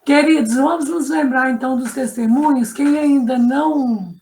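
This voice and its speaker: A Brazilian woman co-leading a church class online, speaking in a gentle, encouraging way. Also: high voice, moderate pace, a little hiss or hum. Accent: Brazilian Portuguese.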